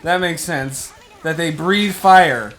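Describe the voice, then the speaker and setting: A man's voice: fairly high pitch, takes it slowly, a bit bright, a little hiss or hum. A young man giving casual, profane, joking co-commentary on a video game. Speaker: let's play co-commentator. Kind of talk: casual gaming banter. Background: video game music.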